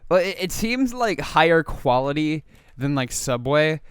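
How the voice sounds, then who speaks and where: A man's voice: on the high side, very animated, a little slow, clean tone, no echo, studio quality. A young man co-hosting a casual podcast, rambling with lots of fillers and crude jokes. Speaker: podcast co-host. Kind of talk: casual chat.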